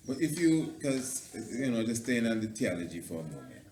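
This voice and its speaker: A man's voice: mid-range voice, big pitch swings, moderate pace, darkish tone. A man interviewing in Rastafarian speech, using "I and I" phrasing and circling his way through long, repeated questions. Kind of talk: interview, casual theological discussion. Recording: roomy echo, faint background noise.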